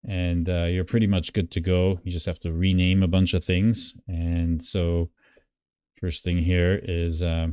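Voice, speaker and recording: A man's voice: deep voice, level tone, measured pace, warm tone, smooth, no room sound, studio quality. A man hosting a live stream, walking through a diagram on screen and thinking aloud, with many fillers and restarts. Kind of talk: casual screen-share walkthrough.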